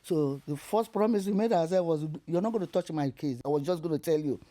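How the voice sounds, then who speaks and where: An older woman with a Nigerian accent, a guest in an interview, recounts her life story in a deep voice at a brisk pace. She stays animated, laughing even as she relates difficult memories.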